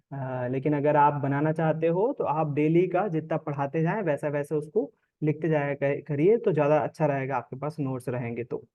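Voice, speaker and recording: A man teaching an online class in a slightly high voice. He explains in a relaxed, conversational way and keeps checking that his students follow. The recording sounds dull and lo-fi.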